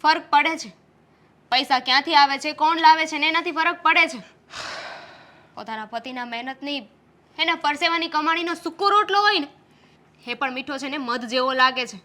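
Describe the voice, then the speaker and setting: A woman's voice: sits high, normal speed, long pauses, bright, forceful tone. A young woman playing a frustrated pregnant wife who scolds her husband in a family drama. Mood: reproachful. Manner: scolding, reproachful.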